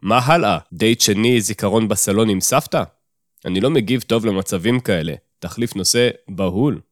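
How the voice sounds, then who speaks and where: Male narrator, low voice, wry self-mocking first-person delivery, dry studio read. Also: no room sound.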